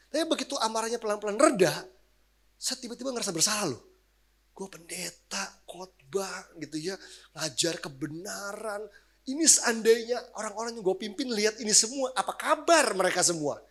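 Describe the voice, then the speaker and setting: A man, a pastor giving a casual sermon, animated and slangy in his asides. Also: on the high side.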